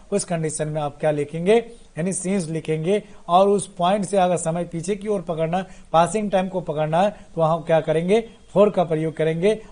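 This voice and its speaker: A man with a Bihari accent teaches an exam-prep grammar lesson. His voice sits a little high but has a warm, dark tone. He explains by posing questions and answering them himself. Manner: explains through repeated rhetorical questions.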